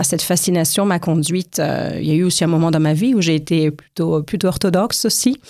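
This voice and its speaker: A woman's voice: fairly low pitch, darkish tone, no room sound, clean studio sound. A woman from France answering radio interview questions, thoughtful and hesitant, with many fillers and restarts. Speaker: guest researcher.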